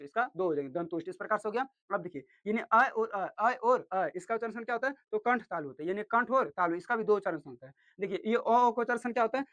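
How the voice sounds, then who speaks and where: Quick question-and-answer grammar teacher. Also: male voice, sits high, a bit bright, no room sound. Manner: asks questions and answers them himself, repeats key terms. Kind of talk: grammar lesson for exam students.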